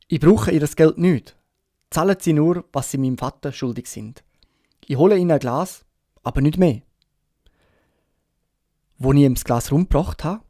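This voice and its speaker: Swiss german guy reading an audiobook, mellow low tone, dry close sound. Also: no echo. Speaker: audiobook narrator. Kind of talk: scripted narration.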